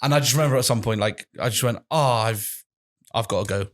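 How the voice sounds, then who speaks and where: A man's voice: mid-range voice, a little fast, very noisy. A young man, telling a rambling story in casual podcast chat, swearing and laughing along. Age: 20s. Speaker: podcast co-host.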